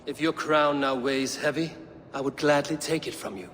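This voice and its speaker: An actor playing a grim, defiant Norse warrior in a video game cutscene, terse, stern and wry. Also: male voice, fairly high pitch, moderate pace, a bit bright, a little hiss or hum, lightly acted. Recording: music behind the voice.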